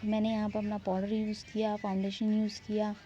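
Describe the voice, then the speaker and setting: A young woman narrates her vlog in a chatty, rambling, self-mocking voice-over, her mid-range voice monotone, fairly quick and dark in tone. The recording sounds dull and lo-fi, with faint background noise.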